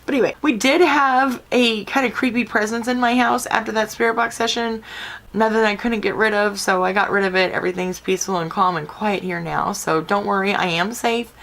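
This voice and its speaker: A woman's voice: medium pitch, fairly even intonation, fairly quick, gravelly, fairly bright tone. A woman hosting a paranormal channel, chatting casually and informally to her viewers. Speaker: paranormal video host.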